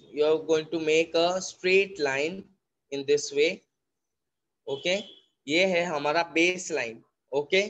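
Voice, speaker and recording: Slow, patient Indian art teacher, man. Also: fairly high pitch, fairly bright tone, highs cut off. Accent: Indian English. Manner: slow, repetitive step-by-step explaining, mixing English and Hindi. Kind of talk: online drawing class.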